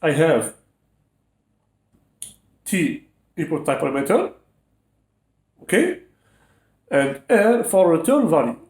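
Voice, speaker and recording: A man's voice: on the high side, sing-song, takes it slowly, pauses often, darkish tone. A man giving a step-by-step programming lesson in non-native English phrasing, dictating code symbol by symbol and often checking in with short questions. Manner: frequent rising check-in questions. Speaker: programming tutor. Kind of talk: step-by-step coding lesson, spelling out code aloud. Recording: echoey room.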